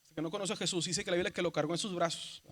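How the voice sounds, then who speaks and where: High-pitched, steady and a bit bright, this Mexican man's voice races along as he teaches a seminary class in a Mexican Spanish accent. He explains things one step at a time, punctuates with "¿verdad?", and calls the students "hermanos," his brothers.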